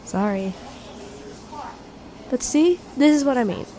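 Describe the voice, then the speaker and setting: Once more as the sweet best friend secretly in love, she sounds supportive and thoughtful, her high voice animated yet slow. Gentle, earnest encouragement comes with soft hesitations, in a conversational one-sided intimate roleplay. Coffee shop crowd chatter carries in the background.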